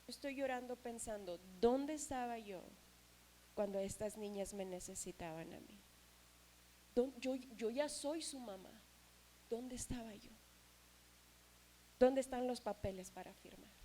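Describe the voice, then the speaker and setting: A woman voicing a tearful, devoted adoptive mother who asks quiet, pleading questions. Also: a little high, measured pace, pauses often, slight background noise, lightly acted, rough recording.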